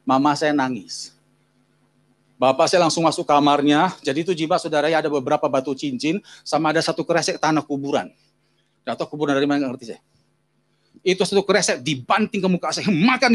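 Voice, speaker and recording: A man's voice: fairly high pitch, fast talker. A man from Medan with a Medan Indonesian accent, preaching and telling a personal story while he keeps addressing the congregation directly. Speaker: pastor. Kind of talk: sermon with a personal testimony.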